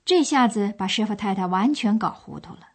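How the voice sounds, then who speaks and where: A woman presenter reads scripted narration for a language course. Her mid-pitched voice explains and retells a story for listeners. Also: animated, fairly quick.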